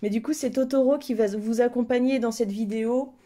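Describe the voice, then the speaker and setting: A woman with a fairly high, mellow voice hosts a casual unboxing. She talks with a mouth numb from the dentist, slightly impeded, and is effusive in her admiration. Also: steady tone, fairly quick. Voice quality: numb-mouthed, slightly impeded speech after dental extraction. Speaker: host of unboxing videos.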